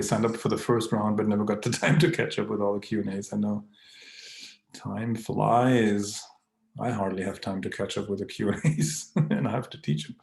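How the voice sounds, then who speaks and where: Gravelly low-voiced man in echoey room. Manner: relaxed, chuckles often, greets viewers by name. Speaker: host of a live online Q&A. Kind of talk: casual live-stream chat, reading viewer comments aloud.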